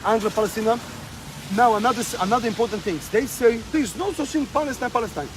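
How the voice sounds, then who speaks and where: Fast, impassioned man on a noisy street. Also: very high voice. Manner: impassioned, emphatic, repeats himself. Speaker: interviewee. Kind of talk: street interview. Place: outdoors on a rainy street. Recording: street noise and passing cars.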